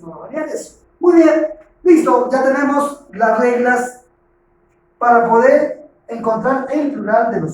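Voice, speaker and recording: A man's voice: very high voice, a little hiss or hum. A man teaching a grammar lesson. He asks rhetorical questions, answers them himself, and often ends points with a tag question. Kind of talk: recorded grammar lecture. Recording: very echoey room, voice far from mic.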